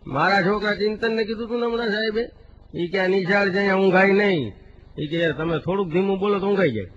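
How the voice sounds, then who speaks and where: A man telling comic stories on stage, acting out the dialogue in quoted voices and slowing down to recite verse. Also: high voice. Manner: recites verse slowly with drawn-out emphasis. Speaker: stand-up comedian. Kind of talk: live comic storytelling in a regional dialect. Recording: dull lo-fi live recording with faint hiss.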